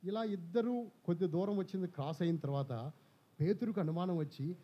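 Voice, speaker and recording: A man preaching a sermon, animated, throwing questions at the congregation. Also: high-pitched, brisk, breathy edge. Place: church hall. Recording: slightly dull church recording.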